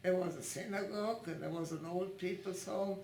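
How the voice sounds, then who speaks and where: Gravelly halting woman in her nineties. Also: fairly low pitch, mellow, a little hiss or hum. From born in Italy, raised in Italy and Switzerland. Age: 90s. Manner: halting, searching for words with many repeated restarts. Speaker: interviewee. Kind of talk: oral history interview. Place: her home. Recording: roomy echo in a home.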